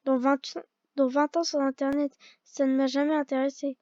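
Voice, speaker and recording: Through an old gaming headset with a dull lo-fi sound, a young fan reader voices a visual novel's dialogue, frequently stumbling and starting lines over. Her voice is high-pitched yet dark in tone, with little pitch movement, a moderate pace and no echo.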